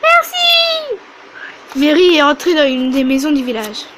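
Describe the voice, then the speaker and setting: A woman's voice: high-pitched, brisk, very noisy. A woman narrating a story game casually, commenting on her own slips. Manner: chatty, reacts and laughs at her own slips. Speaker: video game reader.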